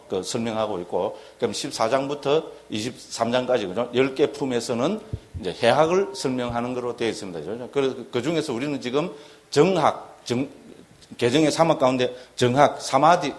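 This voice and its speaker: A middle-aged man, a Buddhist monk giving a dharma lecture, who keeps asking his listeners rhetorical questions and checking that they follow. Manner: acts out shouted quotes in a higher voice.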